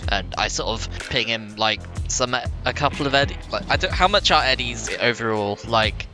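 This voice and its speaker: A man's voice: mid-range voice, animated, moderate pace. A young man playing a tabletop game, talking casually and swearing freely. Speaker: player. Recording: music in the background.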